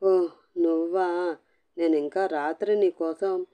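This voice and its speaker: A woman's voice: fairly low pitch, fairly even intonation, slow, clean tone. A woman voicing an exasperated young husband who snaps and teases sarcastically. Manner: teasing, yelling.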